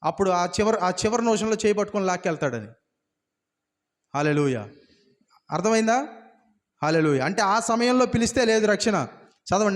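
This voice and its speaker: A man preaching a sermon as pastor, asking rhetorical questions and shouting repeated cries. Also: high-pitched. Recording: long hall reverb.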